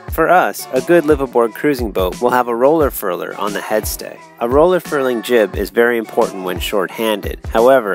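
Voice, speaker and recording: A man in his thirties giving calm, measured, instructive voice-over narration for a sailing vlog. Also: mid-range voice, creaky. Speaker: sailing vlogger.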